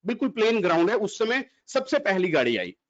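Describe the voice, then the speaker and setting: Man, high voice, animated online talk, dull lo-fi audio. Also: brisk. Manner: animated, mixes Hindi and English, quizzes the audience. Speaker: motivational speaker. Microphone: computer mic in an audio-only video call.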